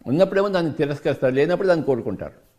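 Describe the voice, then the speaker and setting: A man's voice: a little high, animated, very fast, a little mellow. A man with a Telugu accent giving a spiritual discourse as a meditation teacher, preaching emphatically and firing off rhetorical questions.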